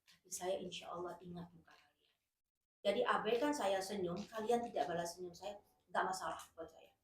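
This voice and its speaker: A woman's voice: fairly low pitch, brisk. A woman chatting casually in a classroom, polite and self-deprecating. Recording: echoey room, mic far off.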